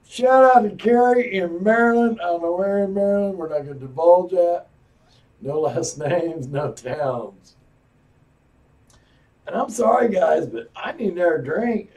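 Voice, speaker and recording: A man hosting a solo podcast, talking in a profane, meandering way with loud outbursts, and sounding a little tipsy. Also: a little high, animated, unhurried. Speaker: podcast host. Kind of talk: rambling solo podcast talk. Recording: voice a bit far from the mic.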